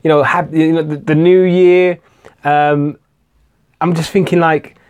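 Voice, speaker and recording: Reading viewer comments aloud on a relaxed live stream, this tech channel host from England answers with plenty of fillers and false starts. His voice sits on the high side yet sounds darkish and smooth, delivered in a level tone at a measured pace, though the recording is muffled.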